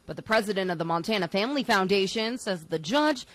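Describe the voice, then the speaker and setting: Female news reporter, crisp and neutral, mid-range voice. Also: mid-range voice, expressive, fast talker, fairly bright tone. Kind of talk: scripted news narration.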